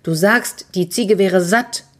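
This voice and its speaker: A woman voicing a quick-tempered old tailor who blusters and rages at his sons. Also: mid-range voice. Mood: furious.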